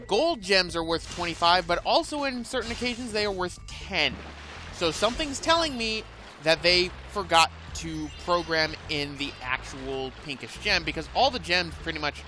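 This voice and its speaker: Bright-voiced sarcastic gaming commentator. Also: male voice, on the high side. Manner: sarcastic, rambling. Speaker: let's play host. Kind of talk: gameplay commentary. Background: faint game music.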